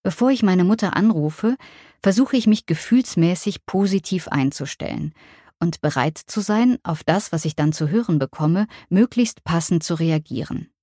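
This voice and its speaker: A woman narrating an audiobook in a calm, measured, reflective way. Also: fairly low pitch, no room sound, studio quality. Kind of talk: audiobook reading.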